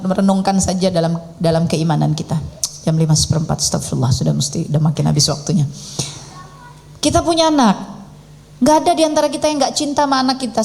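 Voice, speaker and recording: A middle-aged woman giving a religious lecture, animated, acting out pleading prayers as she teaches. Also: high voice. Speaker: preacher.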